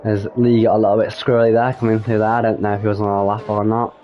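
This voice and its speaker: Commentating alone on an online racing league, this man talks fast in a level, lowish voice made slightly croaky by a cold. He hesitates often, with frequent ums and corrections of himself, and the recording sounds muffled.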